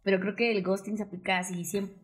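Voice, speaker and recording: A woman's voice: mid-range voice, little pitch movement, fast talker. A woman with a Mexican accent, a guest in a casual chat, talking in a loose, chatty way with lots of fillers. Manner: chatty, many fillers like "como que" and "ay".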